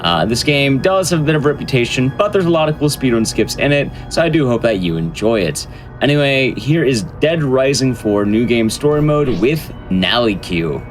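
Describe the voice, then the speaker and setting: A man's voice: medium pitch, lively intonation, normal speed, faint music behind. A man hosting a speedrun show, making casual announcements and introductions.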